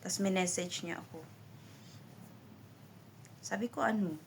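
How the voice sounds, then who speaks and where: Middle-aged filipina vlogger rambling to viewers, lots of fillers, bit of rumble behind. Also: female voice, a little slow, vocal fry. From Philippines. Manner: chatty, rambling, many fillers and restarts. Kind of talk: casual chat to viewers.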